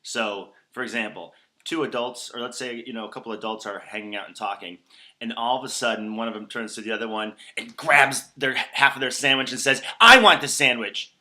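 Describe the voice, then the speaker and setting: A man talking casually in a vlog, rambling with lots of fillers and restarts, getting animated when he acts out examples. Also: mid-range voice, brisk. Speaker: vlogger.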